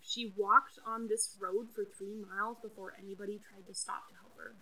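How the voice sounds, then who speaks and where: Chatty bright-voiced woman telling a story. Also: medium pitch, steady tone, normal speed, low-quality recording. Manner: chatty, frequent fillers and restarts. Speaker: podcast co-host telling a true crime story. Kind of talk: casual conversational storytelling.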